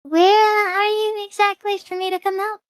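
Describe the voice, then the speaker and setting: A woman's voice: very high voice, little pitch movement, moderate pace, no room sound, poor audio. A young woman streaming a game with a friend, chatting casually with dry, teasing humor. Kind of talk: casual gaming chat.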